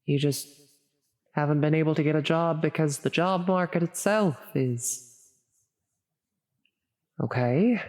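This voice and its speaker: A woman voices a grandiose demoness for ASMR roleplay, speaking low with a darkish tone inside a cavernous echo. She lingers over each formal, lofty phrase in a slow, faltering way, increasingly flustered and concerned beneath the menace.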